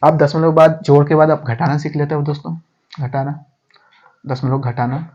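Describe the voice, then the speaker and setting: A man, his voice a touch higher than most men's, walks through sums step by step in a casual, chatty lesson. He keeps throwing questions back at his viewers and calling them friends. The sound is dull and lo-fi. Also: steady tone, normal speed, a little mellow, breathy edge. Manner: addresses viewers as friends, repeats steps, asks rhetorical questions. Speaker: maths teacher.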